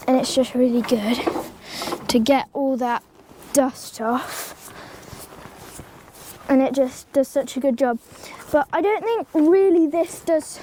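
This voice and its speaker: A high-pitched, mellow voice belongs to a teenage girl with a slight cold who casually explains horse grooming in a stable yard, a pony at her side. As a horse-care vlogger she rambles, uses lots of ums and likes, and speaks to the pony, with a little hiss or hum behind her.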